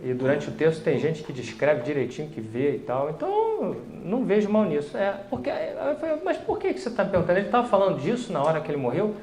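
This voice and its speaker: Brazilian man, raised pitch, roomy echo. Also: fast, few pauses, a little hiss or hum. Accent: Brazilian Portuguese. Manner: conversational, animated retelling with quoted dialogue. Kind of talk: storytelling testimony.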